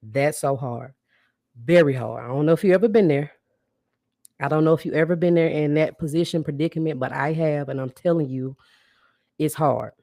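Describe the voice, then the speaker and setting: A woman's voice: deep voice, normal speed, dark tone, dry recording. Woman, podcast host, blunt, casual, talks straight to her audience, dry close sound. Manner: blunt, casual, addresses listeners directly as sis and baby; greets viewers and asks them to interact. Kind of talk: live-streamed podcast monologue.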